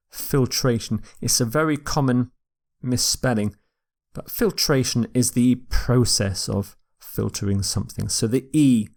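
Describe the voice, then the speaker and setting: A man teaching English vocabulary in a recorded lecture, repeating each word slowly and carefully for pronunciation. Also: mid-range voice. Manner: slow, deliberate, repeats words for pronunciation.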